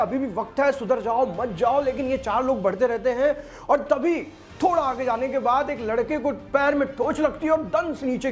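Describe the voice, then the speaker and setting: A man telling a motivational story and addressing listeners as friends. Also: extremely high pitch. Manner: addresses listeners as friends, voices villagers in quotes.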